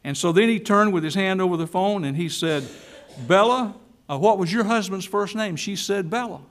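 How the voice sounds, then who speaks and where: A man's voice: high voice, normal speed. A man preaching a sermon in a church, telling a story and then making an emphatic appeal before leading a prayer. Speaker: pastor.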